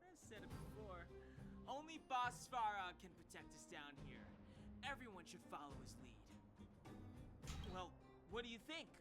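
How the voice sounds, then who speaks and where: A man's voice: high voice, big pitch swings, moderate pace, long pauses. An actor voicing a vagrant in a game who fervently preaches loyalty to his boss and pushes others to agree. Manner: fervent, pushy. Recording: game dialogue over music.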